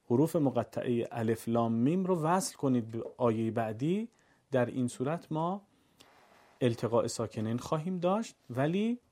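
A man teaching the rules of Quran recitation, explaining step by step and chanting the examples in a slow, melodic voice. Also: mid-range voice, mellow. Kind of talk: instructional explanation.

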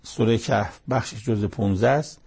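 A man's voice: on the low side, darkish tone, breathy edge. A man giving a Quran commentary lesson, explaining verse by verse in a plain, conversational way and retelling stories as dialogue. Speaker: Quran interpreter.

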